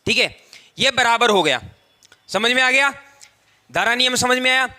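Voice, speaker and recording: This man's voice is very high-pitched, bright and forceful. He is a technical tutor giving a classroom lecture at a whiteboard, explanatory and repetitive, lingering on stressed words.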